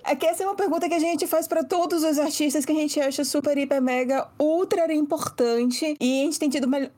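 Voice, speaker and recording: A woman with a high voice co-hosts a podcast. She is upbeat and stresses words playfully while putting a question to her guest. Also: steady tone, brisk, warm tone. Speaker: podcast co-host. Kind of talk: casual chat.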